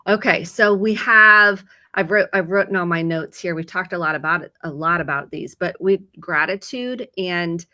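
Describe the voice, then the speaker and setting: A woman's voice: lowish voice, normal speed, pushed and bright. A middle-aged woman therapist earnestly explaining ideas with everyday examples. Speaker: licensed therapist. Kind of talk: conversational advice segment.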